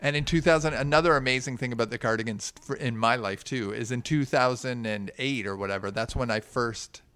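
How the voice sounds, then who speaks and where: A man co-hosting a casual music podcast, telling excited, nostalgic stories. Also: mid-range voice, brisk, clean tone, no echo. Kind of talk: casual chat.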